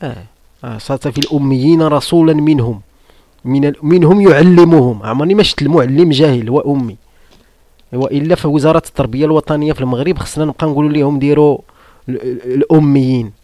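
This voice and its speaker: A man with a Moroccan accent argues in an online room, firing off rhetorical questions and mocking replies. His voice sits a little high. The sound is dry and close, with no room echo. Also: fast talker, dark tone. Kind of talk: argumentative live-room monologue.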